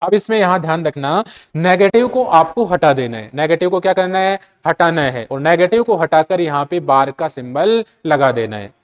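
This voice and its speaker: A man's voice: fairly high pitch, animated, moderate pace. A man with a Hindi accent teaching chemistry in a lecture, repeating key steps and asking rhetorical questions to check that students follow. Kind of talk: classroom lecture.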